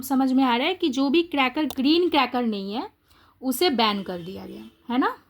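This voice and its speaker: A high-pitched young woman runs an exam-prep English lesson. She speaks at an unhurried pace, poses rhetorical questions and walks through each answer step by step. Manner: lively, rhetorical questions, mixes Hindi and English. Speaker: English teacher.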